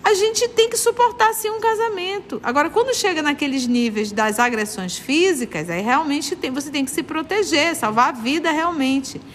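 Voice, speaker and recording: Earnest high-voiced woman leading a study. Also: lively intonation, normal speed, hardly any pauses, long reverb tail, slight background noise. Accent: Brazilian Portuguese, Manaus. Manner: earnest, moralizing, repeats points for emphasis. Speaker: study group leader. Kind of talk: spiritist study lecture.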